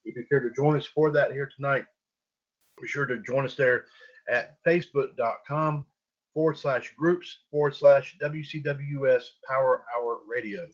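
Male radio host, mid pitch, rambling and folksy, dull lo-fi audio. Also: fairly even intonation, normal speed. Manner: folksy, repeats himself, lots of fillers. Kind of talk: casual internet radio hosting.

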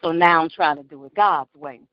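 A woman's voice: low voice, brisk, no echo. An older woman calls in to a radio show, and her voice reaches the studio over a phone line. She talks earnestly and casually, circling back with repeated phrases. The sound is muffled and dry, with no room around it. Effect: voice heard over a phone call. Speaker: radio call-in caller. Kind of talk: casual call-in chat.

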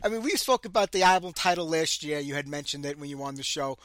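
A man's voice: on the high side, lively intonation, fast, a bit bright, no room sound. A man with a Brooklyn accent hosting a casual interview, bantering in a blunt, self-deprecating way. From Brooklyn, New York. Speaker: interview show host.

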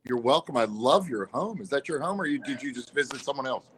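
A man's voice: mid-range voice, animated, fast talker, a bit bright, slight background noise, low-quality recording. A man, a singer, guesting on a radio show and telling stories about his career with light jokes. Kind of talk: casual interview.

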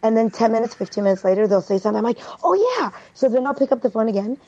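A woman talking as a podcast guest in casual chat, animated when she quotes herself. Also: a little high, racing, lo-fi sound. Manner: chatty, animated quoting of herself.

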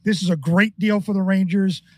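High-voiced man co-hosting sports talk. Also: fairly even intonation, normal speed, no room sound. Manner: eager, many "uh" and "um". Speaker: co-host. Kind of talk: casual sports chat.

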